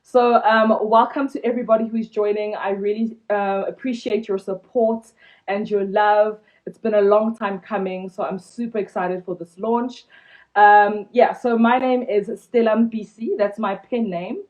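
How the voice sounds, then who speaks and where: A woman's voice: medium pitch, fairly even intonation, moderate pace, darkish tone, muffled recording. A young woman from South Africa founding a blog, talking casually on a phone live stream with many ums and restarts. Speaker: blog founder hosting an Instagram live launch.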